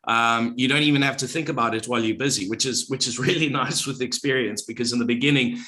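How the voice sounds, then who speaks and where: A man's voice: medium pitch, bright, forceful tone. A middle-aged man, a former radio presenter, speaking as a guest on a podcast in a confident, well-projected delivery. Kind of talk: podcast interview.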